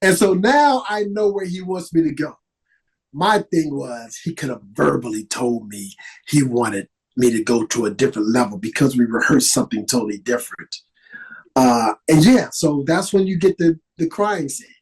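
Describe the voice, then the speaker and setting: A middle-aged man, an actor, telling stories in an animated, casual way as a podcast guest. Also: medium pitch, normal speed, breathy edge, low-quality recording. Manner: animated, lively storyteller with restarts. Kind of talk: casual interview storytelling.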